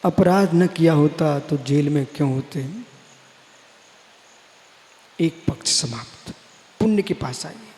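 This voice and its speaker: A man's voice: fairly high pitch, measured pace, a little mellow. A man giving a live religious sermon as a monk preacher, dramatic and rhetorical, repeating his questions and calling listeners friend. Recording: echoey hall with long reverb.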